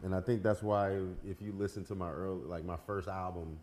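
A man, a hip hop artist being interviewed, talking casually with many fillers and pauses. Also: deep voice, a little hiss or hum. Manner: relaxed, hesitant with many fillers.

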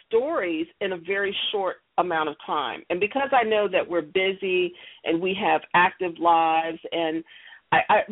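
A middle-aged woman with a medium-pitched voice answers interview questions emphatically, repeating key phrases for stress. She creates audio theater and leads a company, and she's explaining her strategies for success. She's on a phone or call connection, so the sound is muffled and band-limited.

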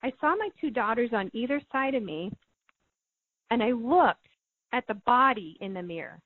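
A woman in her forties, a life coach, telling a personal story in an interview, animated and acting out the voices she quotes. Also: a little high, moderate pace, no room sound. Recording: dry, phone-like audio.

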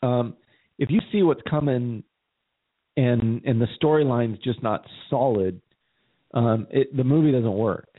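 A man's voice: mid-range voice, a little slow. Rambling man co-host on phone-quality audio. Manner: rambling, repeats words while thinking aloud. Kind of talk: casual conversation.

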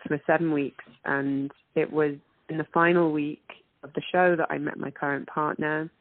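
A woman's voice: low voice, fairly even intonation, moderate pace, no room sound. A woman, an actress guest talking earnestly and reflectively in an interview. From England. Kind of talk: interview over a call. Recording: tinny phone-like line.

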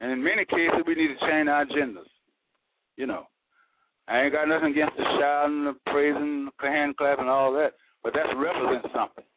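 This caller to a radio program has a slightly high voice and a brisk delivery. The phone line sounds tinny and full of static, and he talks casually in an earnest, folksy manner with homespun expressions.

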